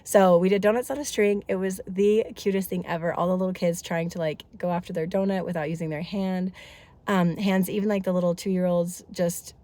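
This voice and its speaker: A woman's voice: lowish voice, fairly even intonation, fairly quick, mellow. A woman in her thirties chatting casually in a family vlog, congested from a head cold, talkative and rambling with lots of asides. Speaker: family vlogger.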